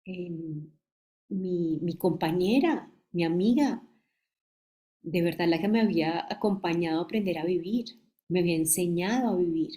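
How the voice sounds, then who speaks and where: Colombian woman in her 40s, lowish mellow voice, halting and emotional, keeps restarting. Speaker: bereaved mother giving testimony. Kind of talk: personal testimony.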